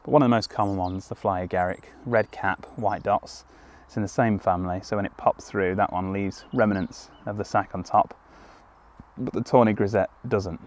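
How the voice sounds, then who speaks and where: Speaking at a moderate pace in a fairly low voice with fairly even intonation, a young British man leads an outdoor foraging lesson. He crouches in a woodland clearing and explains each step with easy ums and restarts. The camera sits on a tripod a few metres off with him in frame.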